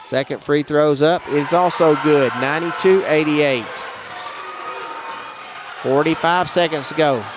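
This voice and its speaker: A man's voice: a little high, a crowd in the background, background noise. Man calling a basketball game. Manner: brisk, matter-of-fact calls, raising his voice on big plays. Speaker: play-by-play announcer. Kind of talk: live basketball commentary.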